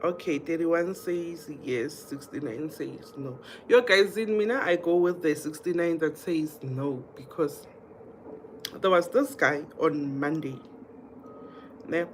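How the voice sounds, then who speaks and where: Here the host talks slowly in a low register, and a faint hiss or hum sits under the audio. She's a South African-accented woman from Mpumalanga running a casual live chat, going through comments, recounting anecdotes and frequently saying things again.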